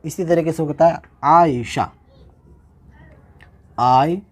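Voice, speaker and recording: Patient man spelling out Urdu letters. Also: a little high. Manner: slow, patient, repeats each word and asks "how will we join this?". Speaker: Urdu teacher. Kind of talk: handwriting lesson, spelling out letters. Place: indoors, recording a tutorial without a camera.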